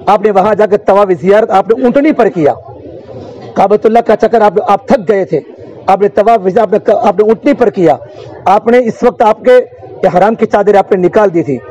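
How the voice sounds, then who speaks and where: A man's voice: sits high, mellow, rough recording. A man preaching a sermon in an emotive, rhythmic oratorical style, with repeated refrains and recited verse.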